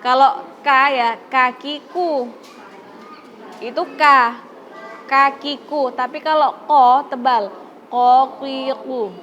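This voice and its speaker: A high-pitched woman leads a recitation lesson at an unhurried pace. She stretches each example out slowly and repeats it patiently, with a faint hiss of noise in the background. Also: fairly even intonation, a bit bright, muffled recording. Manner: patient, drawn-out model recitations. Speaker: Quran recitation teacher. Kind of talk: Quran pronunciation lesson.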